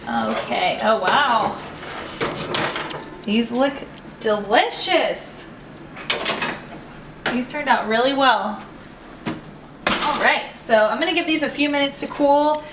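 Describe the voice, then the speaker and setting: A woman's voice: on the high side, expressive, slow, long pauses. Upbeat woman hosting a home cooking vlog. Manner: chatty and upbeat, talks to camera. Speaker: cooking show host. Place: home kitchen. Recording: echoey kitchen, noisy background.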